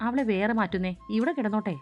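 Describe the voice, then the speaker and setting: A woman voicing a young husband in a storybook reading, talking in a low, teasing, grumbling way. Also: fast talker, soft background music, natural voice. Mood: teasing firm.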